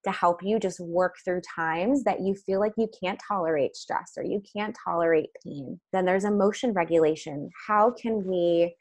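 A woman guest, a therapist and coach, explaining things calmly and plainly in an interview, like a counselor. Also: lowish voice, moderate pace, few pauses.

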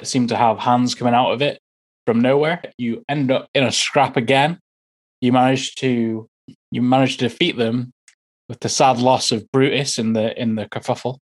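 A man narrating as game master, recapping the last session in a relaxed way and searching for words as he goes. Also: medium pitch.

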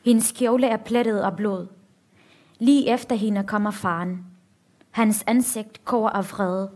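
Woman reading her book aloud, grave and steady. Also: mid-range voice. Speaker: author.

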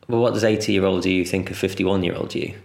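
A man in his thirties hosting a podcast, asking gentle, probing interview questions. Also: low-pitched, fairly even intonation, fairly quick, vocal fry. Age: 30s. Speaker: podcast host. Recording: roomy echo.

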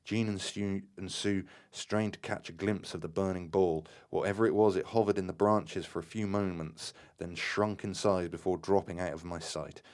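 A man's voice: deep voice, a little mellow. A man reading and retelling a story on a podcast, hesitant, with fillers and restarts between passages.

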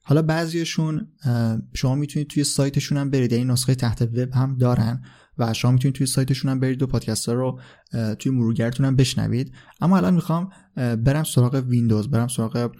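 A man hosts a podcast and explains things in a relaxed, unscripted way, pausing on fillers and correcting himself as he goes. His voice is mellow and warm, sitting at an ordinary middle pitch. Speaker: podcast host. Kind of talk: casual explanatory monologue.

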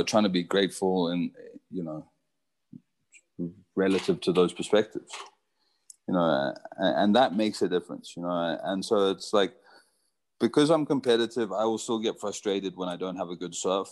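Young guy with a real low voice, chatty interview guest, lots of "you know"s. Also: darkish tone. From Zimbabwe. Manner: rambling, lots of fillers. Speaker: guest, surfer. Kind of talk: casual interview talk.

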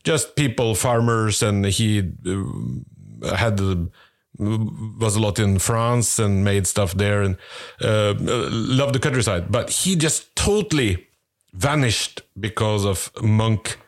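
A man with a Norwegian accent, English not his first language, chatting casually as a podcast co-host and often pausing to search for words. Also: fairly low pitch, animated, gravelly. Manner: hesitant, searching for English words, many fillers. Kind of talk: casual chat.

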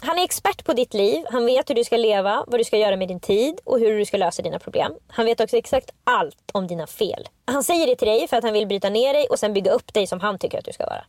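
A woman's voice: on the high side, lively intonation, hardly any pauses, a little mellow, no room sound, studio quality. A woman co-hosting a casual podcast, reading out passages from a book and commenting on them with emphasis. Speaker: podcast co-host.

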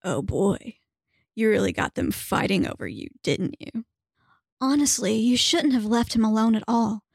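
A woman's voice: a little high, expressive, normal speed, creaky, slightly rough, dry recording, clean studio sound, exaggerated voice. A woman voicing a mischievous female spirit who teases in a casual, offhand way. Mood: teasing. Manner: casual, teasing.

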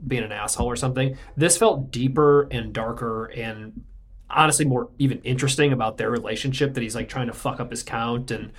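Rambling male interview guest, medium pitch. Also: fairly quick. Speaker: podcast guest, director. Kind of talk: casual conversational interview.

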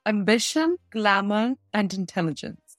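A woman in her forties from Russia gives confident, measured interview answers and laughs now and then. Her voice sits at an ordinary pitch. The sound is dry and close, with no room around it. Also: lively intonation, dry recording, faint music behind. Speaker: guest, tech company founder.

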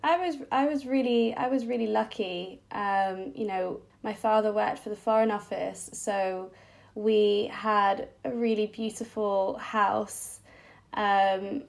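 A woman's voice: mid-range voice, steady tone, takes it slowly, creaky. A woman, a podcast guest recalling her childhood in a reflective, hesitant way with many fillers. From Singapore-born, raised abroad. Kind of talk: personal storytelling interview.

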